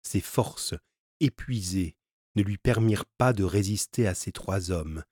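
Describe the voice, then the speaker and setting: A man reading a classic adventure novel aloud as an audiobook narrator, in a measured, dramatic way. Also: sits low, darkish tone, slightly rough, no echo, clean studio sound.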